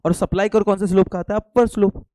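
A young man with a high, warm voice speaks very fast with fairly even intonation as he teaches a live online commerce class. Joking and teasing, he quizzes students and answers his own questions, sprinkling in English phrases.

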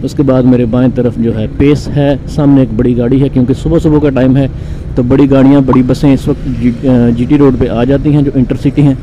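Outdoors on a city road, a Pakistani man narrates his motorcycle ride for his vlog, speaking calmly and without hurry, with plenty of pauses and fillers. His mid-range voice comes through dull lo-fi audio laced with traffic and road sounds.

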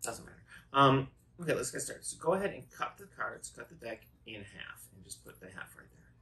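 A middle-aged man delivers card magician patter in a chatty, rambling way, slipping in tongue-in-cheek asides. His medium-pitched voice is bright and forward, though it is picked up at some distance from the microphone. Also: animated, fairly quick, gravelly. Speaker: magician co-host of a magic show. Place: small dark room, indoors. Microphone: phone camera set back from the table.

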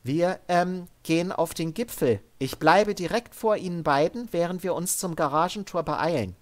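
A man's voice: fairly high pitch, normal speed, pitched above the performer's own voice, lightly acted. A man voicing a nervous young male technician who is hesitant and eager to please.

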